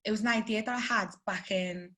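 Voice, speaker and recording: A woman with a Scouse accent, a journalist guest on a video-call webinar, telling animated stories and laughing often. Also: medium pitch, fairly quick. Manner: animated storytelling with frequent laughter.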